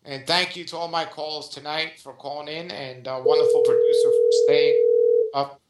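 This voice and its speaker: A man hosting a call-in radio show with a smooth radio host delivery, greeting listeners and callers on air. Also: fairly high pitch, fairly even intonation, moderate pace, very noisy. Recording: echoey roomy sound.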